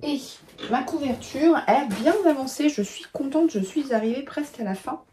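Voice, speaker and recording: Seated at a lamp-lit desk at home, a woman in her thirties who designs knitting patterns and vlogs talks casually to camera. Her voice sits high, expressive and mellow at a moderate pace, with lots of filler sounds as she thinks aloud, and there's slight background noise.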